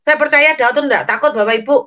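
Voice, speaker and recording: A woman evangelist preaching a sermon, telling the story in a lively way and speaking straight to the congregation. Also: high-pitched, fast talker. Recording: dull lo-fi recording.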